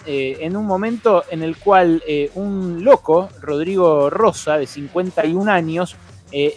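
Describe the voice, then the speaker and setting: A man with an Argentine accent delivering an unscripted radio editorial, filling pauses with "eh" and correcting himself as he goes. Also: fairly high pitch. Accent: Argentine Spanish. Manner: unscripted, many "eh" fillers and self-corrections. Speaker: radio host giving an editorial. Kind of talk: spoken editorial commentary.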